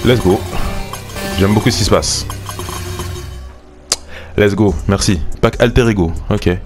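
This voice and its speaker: Deep-voiced man commenting on gameplay. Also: a little slow, music in the background. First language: French. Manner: chatty, thinks aloud, excited chanting during pack openings. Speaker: gaming YouTuber.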